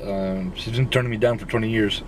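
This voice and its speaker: A man's voice: fairly low pitch, fairly even intonation, brisk. Joking man in a noisy car. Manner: joking, teasing. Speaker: vlogger. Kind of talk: casual chat. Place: inside a parked car. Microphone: dashboard camera.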